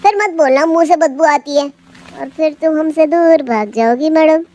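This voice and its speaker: A woman's voice: sits high, moderate pace, dark tone, close to an everyday voice. Woman doing a playful teasing young husband.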